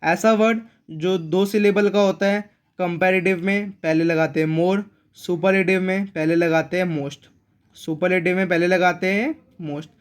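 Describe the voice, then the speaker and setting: A man's voice: high voice, fairly even intonation, a little slow, clean tone. A man teaching an English grammar lesson in an online class. He repeats key words and asks his viewers questions.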